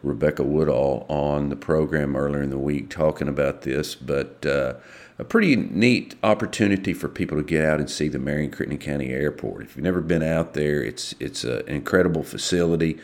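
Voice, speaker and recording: Deep gravelly voiced guy from doing local radio news, folksy, kinda halting. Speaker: local radio show host. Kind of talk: casual local news and announcements.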